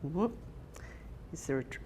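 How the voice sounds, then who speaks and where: With a warm tone and a slightly slow pace, a conference speaker in her sixties, an Australian woman, tells a personal story full of fillers and restarts. She uses a handheld microphone in a conference hall. Faint noise and echo are audible.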